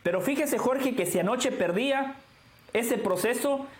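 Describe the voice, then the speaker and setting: A male football pundit with a fairly high voice makes his points earnestly and with emphasis. The room around him sounds echoey. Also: unhurried. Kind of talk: sports talk show commentary.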